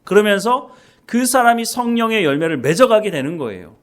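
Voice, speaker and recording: A man's voice: high-pitched, very animated, a little fast. A middle-aged man preaching a sermon as pastor, asking rhetorical questions and acting out quotes.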